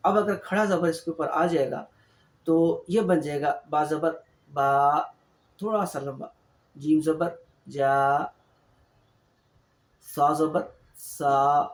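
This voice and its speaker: A man teaching an online Quran reading lesson, with a voice pitched a little high for a man. He explains patiently and drills each syllable slowly, over and over. The room adds a noticeable echo. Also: darkish tone. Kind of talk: online lesson, slow drilled letter sounds.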